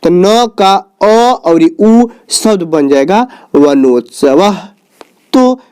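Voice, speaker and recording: A man teaching a recorded lesson in Hindi, asking questions and answering them himself, drawing out each answer lower and slower. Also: expressive, a little mellow, clean tone. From Bihar, India. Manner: asks questions and answers them himself, calls the viewer "babu".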